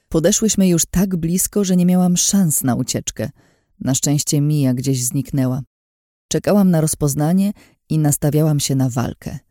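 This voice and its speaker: Woman reading an audiobook, mellow warm voice, hushed and tense, dry close sound. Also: low-pitched, no room sound. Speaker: audiobook narrator. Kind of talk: scripted first-person narration.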